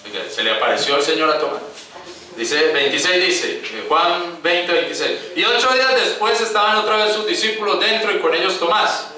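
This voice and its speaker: Man, preacher, sermon, sharp forceful voice, very echoey room, mic at a distance. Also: high-pitched, brisk, a little hiss or hum. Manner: addresses the congregation as brothers, acts out quoted voices. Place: church hall.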